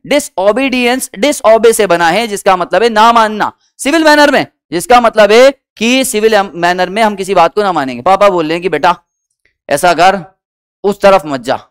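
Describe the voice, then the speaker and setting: A man with a high, clear, resonant voice teaches an energetic history lesson in a mix of Hindi and English. He keeps quizzing the class with repeated questions, has them repeat answers, calls them beta, and acts out short quoted bits.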